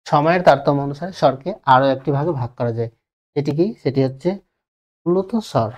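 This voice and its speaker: A man's voice: on the high side, fairly quick. Male teacher, West Bengal Bengali accent, exam-prep lesson, repeats himself, asks and answers his own questions. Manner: drags out vowels to demonstrate.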